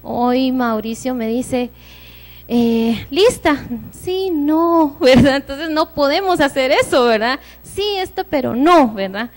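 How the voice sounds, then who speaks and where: A woman's voice: high-pitched, slow pace. A woman giving a church sermon, preaching earnestly and conversationally with personal stories.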